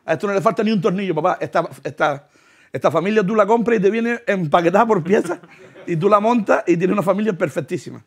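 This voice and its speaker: Comedian guy telling a funny story, gravelly voice, does little voices. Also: high-pitched, fast talker. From Canary Islands. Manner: animated, acts out voices, laughs through lines. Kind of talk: comic storytelling monologue.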